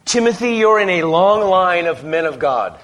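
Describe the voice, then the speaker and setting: A man preaching a sermon in short emphatic phrases, pausing after each one for his interpreter. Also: a little high, animated, fairly bright tone. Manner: pauses phrase by phrase for translation, emphatic.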